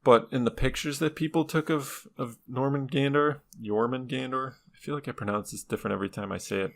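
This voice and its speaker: A man's voice: mid-range voice, expressive, quick pace, gravelly. A man presenting the topic on a casual podcast, laid-back, laughing often and swearing casually.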